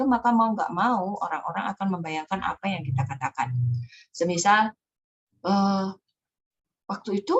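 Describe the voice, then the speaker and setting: A woman storytelling trainer leading a workshop, animated and often slipping into character voices. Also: on the low side, lo-fi sound.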